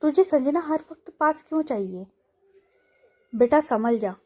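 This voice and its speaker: A woman's voice: high-pitched, lively intonation, unhurried, a little mellow. A woman voicing a young woman office boss who mutters anxious questions to herself. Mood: troubled. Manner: muttering to herself in inner monologue.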